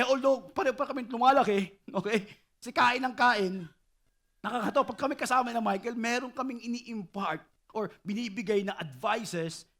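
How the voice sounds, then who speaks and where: A middle-aged man preaching a sermon as pastor, animated and repeatedly asking the congregation if they follow. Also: very high-pitched.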